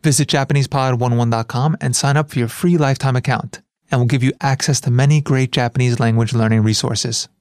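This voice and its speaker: A man working as an announcer, giving a scripted, upbeat and brisk promotional reading. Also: mid-range voice, fairly even intonation, a little mellow, dry recording, studio quality.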